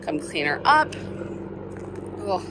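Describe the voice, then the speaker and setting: Her voice sits lowish, slow and sing-song, with some background noise as she wanders her garden filming on a phone at arm's length. The southern Alabama vlogger keeps things upbeat and chatty, tossing in folksy asides. Helicopters pass by amid faint outdoor ambience.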